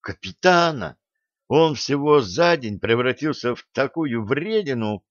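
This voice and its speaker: A man's voice: medium pitch, expressive, a little slow, no room sound, muffled recording, voice pushed up, lightly acted. A man voicing an indignant young woman who complains in a raised voice.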